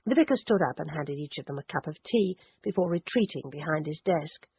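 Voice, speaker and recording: Husky woman narrating an audiobook. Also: low voice, lively intonation, a little fast. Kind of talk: scripted narration. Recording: dry, narrowband phone-like audio.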